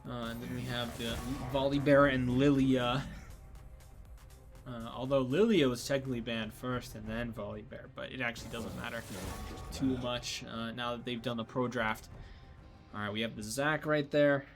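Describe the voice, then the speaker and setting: A young esports caster calls a college match in a mid-range, steady voice at normal speed, with faint music in the background. His commentary is casual and rambling, and he sounds sleepy, yawning and using lots of fillers and restarts.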